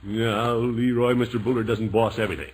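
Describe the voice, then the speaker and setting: An actor playing a blustery, fond middle-aged uncle in an old radio sitcom, with theatrical exclamations. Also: male voice, mid-range voice, level tone, brisk, close to an everyday voice, poor audio. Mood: genial, fond. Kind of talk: 1940s-50s radio sitcom acting. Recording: old-time radio recording, faint noise.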